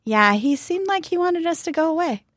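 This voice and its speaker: A woman's voice: extremely high pitch, lively intonation, moderate pace, a bit bright, no room sound. A woman co-hosting a podcast, chatting casually and rambling, often restarting her sentences. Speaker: podcast co-host. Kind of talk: casual chat.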